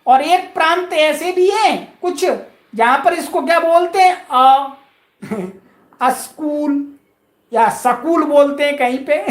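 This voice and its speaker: A woman teaching a lesson with call-and-repeat drills, playful and coaxing, drawing out the syllables she drills. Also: sits high. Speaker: Sanskrit teacher. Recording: roomy echoey sound.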